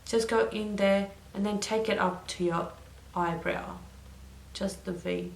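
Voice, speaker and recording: A woman's voice: mid-range voice, steady tone, measured pace, creaky, a little hiss or hum. A young woman talks her way through a makeup routine in an ordinary mid-range voice. She is chatty, wanders into little stories and stops to correct herself. The room adds a noticeable echo around her. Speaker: beauty vlogger. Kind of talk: makeup tutorial chat. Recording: roomy echo.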